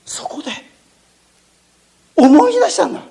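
A woman telling a Bible-lesson story to children, lively and full of sound effects, speaking to her listeners. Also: high-pitched, measured pace.

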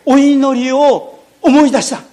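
A woman telling a Bible-lesson story to children, lively and full of sound effects, speaking to her listeners. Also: high-pitched, slow pace.

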